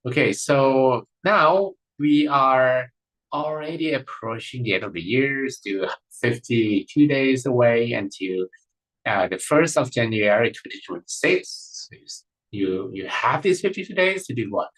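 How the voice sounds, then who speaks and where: A man who is a monk, giving a live online meditation talk with many pauses, fillers and restarts. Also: medium pitch, lively intonation, a bit bright, rough recording.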